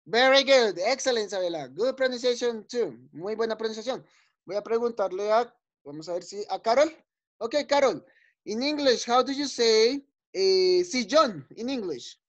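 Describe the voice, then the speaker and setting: A male teacher leading an online class for young children. He is patient and encouraging, repeating each word slowly and checking in often. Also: high voice, expressive, fairly bright tone. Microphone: video call. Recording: dull lo-fi video call audio.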